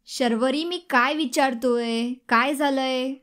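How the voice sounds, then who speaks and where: A woman voicing a caring young husband in an audiobook, gentle and coaxing. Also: sits high, fairly even intonation, slow pace. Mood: worried. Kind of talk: audiobook dialogue reading.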